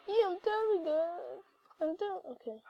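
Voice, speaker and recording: A woman's voice: very high-pitched, animated, unhurried, lo-fi sound. A woman giving casual gameplay commentary, thinking aloud in short questions and exclamations as if she were the character. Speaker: gamer narrating own playthrough.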